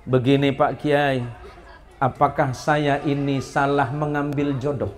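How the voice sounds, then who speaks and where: Man doing a timid housewife, slow plaintive delivery, hesitant, complaining to a preacher, sermon storytelling. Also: a bass voice, level tone.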